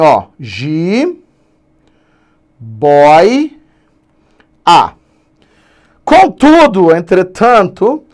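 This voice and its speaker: A man with a Brazilian Portuguese accent teaching an online grammar lesson, playful and drawing out key words for emphasis. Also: sits high. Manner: playful, slips in English and Spanish words.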